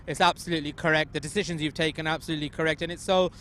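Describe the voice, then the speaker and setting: A man's voice: a little high, fairly even intonation, very fast, bright, forceful tone, a little hiss or hum. A man interviewing cricket players outdoors before a final, effusive and directing players and camera. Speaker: pitchside interviewer. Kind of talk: cricket pre-match interviews. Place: outdoors at a cricket ground at night.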